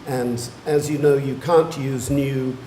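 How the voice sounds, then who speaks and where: A man acting as spelling bee pronouncer, saying each word slowly and carefully, then reading its definition and an example sentence. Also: medium pitch, fairly even intonation, dark tone. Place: large museum hall. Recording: echoey hall, faint room noise.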